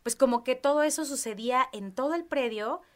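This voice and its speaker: A young woman with a Mexican Spanish accent recounts a personal story in relaxed conversation. Her voice sits a little high, and she throws herself into it, acting out voices and screams as she goes. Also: fairly quick. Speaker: podcast guest. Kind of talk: casual storytelling chat.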